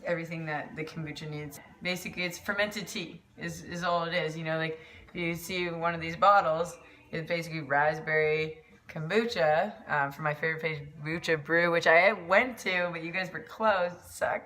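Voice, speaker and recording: A woman's voice: low-pitched, fairly even intonation, normal speed, sharp tone, distant mic. A woman coach chatting casually in a vlog, rambling and laughing easily, with a mild concussion. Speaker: volleyball coach vlogger. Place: at home, kitchen pantry. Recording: echoey room, off-mic.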